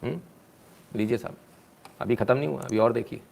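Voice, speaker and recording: A man's voice: mid-range voice, brisk, creaky, darkish tone. A man, giving sarcastic live news commentary, mocking and scolding the people in the clips and answering viewer comments.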